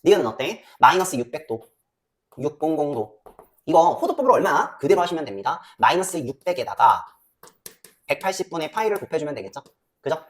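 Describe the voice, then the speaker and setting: A woman math teacher lecturing a class in a very animated voice. Her pitch swings widely from line to line. She keeps firing quick questions at the students and mutters to herself as she calculates.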